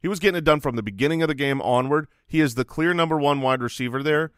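A man co-hosting a fantasy football podcast, teasing his partner in animated back-and-forth. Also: fairly high pitch, quick pace, clean tone, dry recording, clean studio sound. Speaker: podcast co-host. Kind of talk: casual sports chat.

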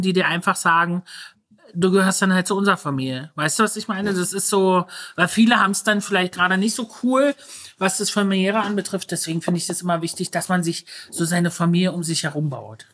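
A woman's voice: on the low side, brisk, fairly bright tone. A woman comedian, a podcast guest, talking frankly and bluntly in casual slang, often restarting her sentences. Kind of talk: casual chat.

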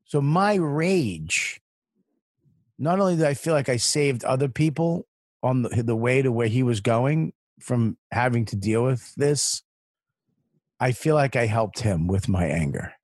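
A man with a slightly husky voice telling an animated story on a podcast, full of swearing and restarts. His voice is close and dry with no room around it. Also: medium pitch, measured pace, no room sound. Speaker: podcast guest, comedian. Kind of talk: casual storytelling chat.

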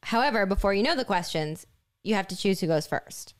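A woman's voice: mid-range voice, lively intonation, brisk. A woman interviewing a newlywed couple in casual, giggly, chatty talk. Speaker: interviewer asking couples questions. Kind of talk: casual chat.

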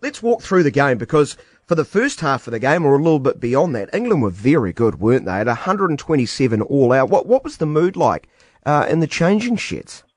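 A man's voice: on the high side, sing-song, brisk, no echo. A man interviewing a cricketer with chatty, probing questions. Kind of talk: sports interview.

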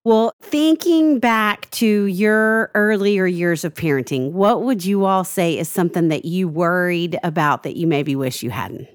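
A woman podcast host asking her guests questions in a gentle, unhurried way. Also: fairly low pitch, no echo, clean studio sound. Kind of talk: interview questions.

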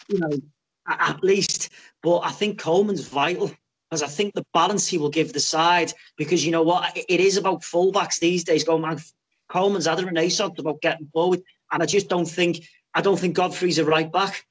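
Higher-voiced man, emphatic football chat. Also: a bit bright. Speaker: football podcast guest. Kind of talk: casual football punditry. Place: video call over Skype.

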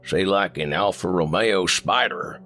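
A man's voice: deep voice, unhurried, sharp tone, faint music behind, voice pushed up, full character voice. A man voicing a folksy male trucker on the CB radio, a joking talker who slips up his grammar. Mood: chatty. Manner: drawling, homespun talk with slipped grammar.

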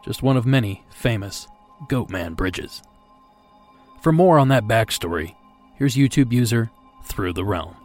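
A man hosting a podcast with scripted, measured but conversational delivery. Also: lowish voice, lively intonation, a little mellow. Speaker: podcast host. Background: faint music.

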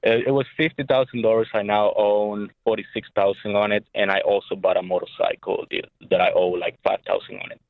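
Young man, caller on a phone line, hesitant and halting, low voice, dull lo-fi sound. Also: little pitch movement, vocal fry, no echo. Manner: hesitant, many pauses and filler sounds. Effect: heard over a phone line. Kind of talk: call-in advice show.

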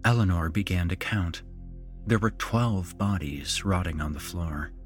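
Deep slow-talking male horror narrator. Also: soft background music. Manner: slow, dramatic, measured delivery. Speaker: storyteller.

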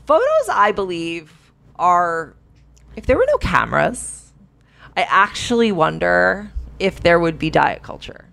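Low, creaky-voiced woman chatting casually. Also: sing-song, unhurried, a bit bright. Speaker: podcast co-host. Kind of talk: casual podcast chat.

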